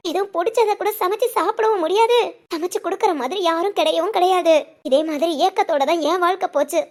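A woman voicing a worried middle-aged village mother in a cartoon family drama, complaining and rambling on the phone. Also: very high voice.

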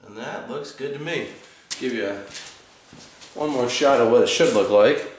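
In his home garage, a man of medium pitch and normal speed shows how a tool works while holding the camera himself. He rambles easily, dropping fillers and correcting himself as he goes. Audio carries garage echo off the concrete floor and a faint hum of background noise.

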